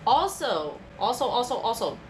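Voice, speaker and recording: A woman's voice: a little high, very animated, moderate pace, slight background noise, poor audio. A young adult woman chatting to camera at home in a rambling, casual way, full of filler words. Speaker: vlogger.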